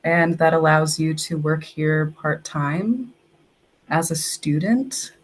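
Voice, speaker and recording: A young Texan woman appears as a podcast guest in a casual interview, where she works as an English language assistant and tells stories chattily, saying "like" often. Her voice is low and slow. The recording is rough, with a little hiss or hum.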